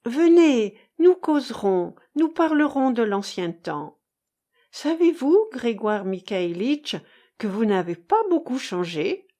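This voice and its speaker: Brief: a woman doing a proud young Russian noblewoman for a storybook reading, higher and louder than the narration, impatient, emphatic. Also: very animated, slow pace. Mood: wistful.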